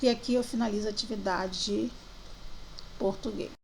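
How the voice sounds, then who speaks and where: A woman teacher from Brazil, guiding young children through worksheets in a remote lesson, slowly drawing out syllables and words. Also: medium pitch, steady tone, gravelly, a little hiss or hum. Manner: slow, drawn-out syllables for children.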